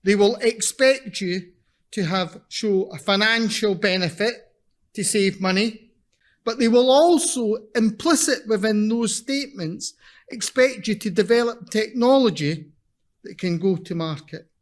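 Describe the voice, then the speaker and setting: A man with a broad Scottish accent giving a conference presentation in a blunt, emphatic, deliberate manner, repeating his key points. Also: high-pitched. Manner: slow, deliberate delivery for non-native listeners. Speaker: invited seminar speaker.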